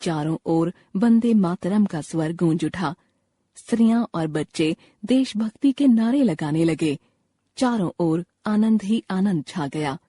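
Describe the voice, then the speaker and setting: Measured woman reading a textbook lesson. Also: on the low side, warm tone, husky, dry recording. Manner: slow, measured, explanatory reading. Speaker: textbook narrator.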